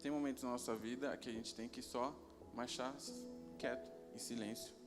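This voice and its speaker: A man sharing a calm, reflective sermon, pausing and restarting as he thinks. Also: medium pitch, in a large hall, music in the background. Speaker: lay preacher.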